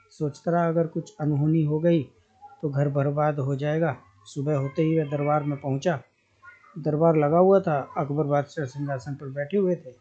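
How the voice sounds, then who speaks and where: A man reads a story aloud as a storyteller in a measured, deliberate way. His voice is somewhat high and mellow, and the recording has a dull, lo-fi sound. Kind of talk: scripted story narration.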